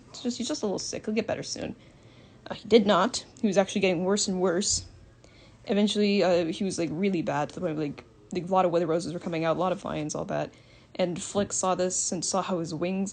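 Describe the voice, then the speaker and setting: A woman's voice: on the low side, darkish tone, a little hiss or hum. Rambling young woman telling game lore. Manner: rambling, with frequent fillers and swearing. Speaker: storyteller. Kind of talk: casual retelling of game roleplay lore.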